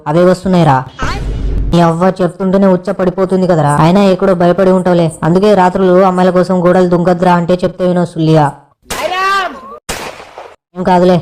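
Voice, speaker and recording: A man's voice: high voice, dark tone. A young man trading cheeky, crude banter in a village comedy skit.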